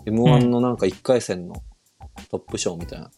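A man's voice: on the low side, fairly quick, dark tone, soft background music. A man around thirty co-hosting a casual podcast chat, telling a rambling story full of fillers and half-finished quotes. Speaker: podcast co-host.

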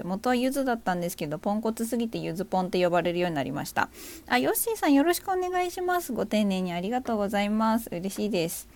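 A woman's voice: a little high, a little mellow. A woman hosting a casual live audio stream, greeting listeners by name, reading their comments aloud and joking about herself. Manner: bubbly, self-deprecating, greets listeners by name. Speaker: livestream host.

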